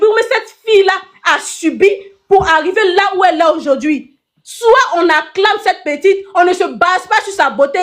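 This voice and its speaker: A woman with a very high voice speaks on a live online panel. She scolds and lectures with mounting indignation, circling back over her points and repeating herself as she goes. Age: adult mother. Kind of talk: heated live panel rant.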